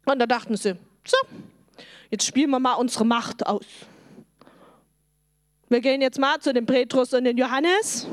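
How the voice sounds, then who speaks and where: A woman, telling a Bible story to children in a lively way and asking them questions. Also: high-pitched, dry recording, clean studio sound.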